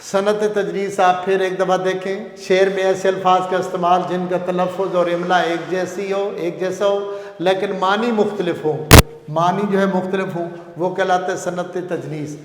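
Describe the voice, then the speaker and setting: A male grammar lecturer teaching a class, repeating key terms slowly and chanting example verses in a sing-song lilt. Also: sits high, flat delivery, noisy background. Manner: repetitive, explains slowly with examples. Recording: echoey classroom with long reverb.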